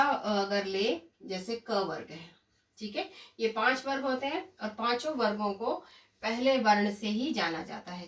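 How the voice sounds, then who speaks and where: A woman teacher giving a lesson, reciting slowly and pausing often to check in with her students. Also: medium pitch. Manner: slow, drawn-out recitation with frequent check-ins. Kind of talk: classroom lesson. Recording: echoey room, voice from a distance.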